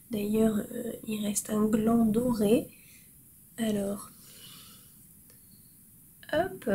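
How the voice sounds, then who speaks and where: A woman's voice: medium pitch, gravelly, a little hiss or hum, poor audio. A woman hosting a crafting podcast, chatting casually and cheerfully while showing her work, with frequent hesitations and fillers. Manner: cheerful and self-mocking. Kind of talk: casual show-and-tell chat.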